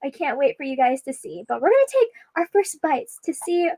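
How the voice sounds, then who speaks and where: A woman's voice: high voice, very animated, brisk, mellow, a little hiss or hum, rough recording. A young woman hosting a casual livestream chat, chatty and laughing often. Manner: giggly, chatty, frequent laughter. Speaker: host.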